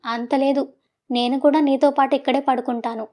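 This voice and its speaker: A woman's voice: high voice, steady tone, brisk, warm tone, close to an everyday voice. A woman voicing a bold young woman teasing and pushing the man she loves in a romantic audio story, coaxing and playful. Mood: defiant. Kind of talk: storybook voice acting.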